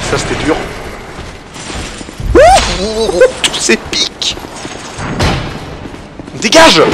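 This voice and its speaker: A man giving excitable gameplay commentary, swearing often and talking to his viewers, with loud game sound behind him. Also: a little high. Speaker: gaming channel host. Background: game audio and noise.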